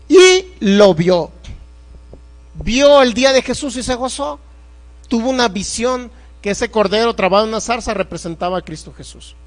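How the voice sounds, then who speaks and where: High-voiced preacher man. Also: fairly bright tone. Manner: emphatic, confrontational, rhetorical questions. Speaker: pastor. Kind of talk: sermon.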